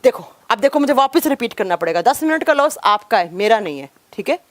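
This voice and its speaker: A woman's voice: fairly high pitch, big pitch swings, fairly quick, slight background noise. A young woman teacher, lecturing a live online class on biology, repeating key terms and sharply scolding impatient students.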